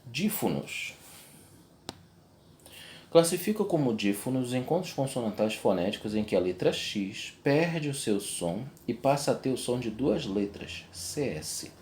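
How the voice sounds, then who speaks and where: A man's voice: medium pitch, big pitch swings, a little slow, a little mellow, slight background noise. A young adult man teaching a video lesson, explaining step by step and checking in with his class.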